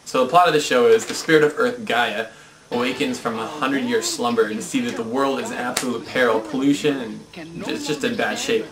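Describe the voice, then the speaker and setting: A young man hosting a comedic cartoon review, talking in an excited, mock-indignant way. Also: medium pitch, fairly quick, reverberant, poor audio.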